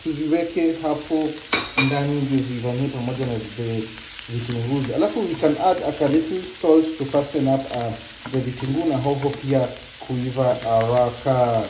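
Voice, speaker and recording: A man with a Kenyan accent giving a relaxed, chatty home cooking tutorial, switching between Swahili and English. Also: medium pitch, normal speed, background noise. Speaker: home cook vlogger. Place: home kitchen. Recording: echoey kitchen with loud frying sizzle.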